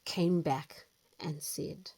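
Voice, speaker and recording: A woman in her fifties telling her own story as host, earnest and reflective, with lively emphasis. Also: deep voice, very slow, gravelly, slightly rough. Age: 50s. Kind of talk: personal storytelling monologue.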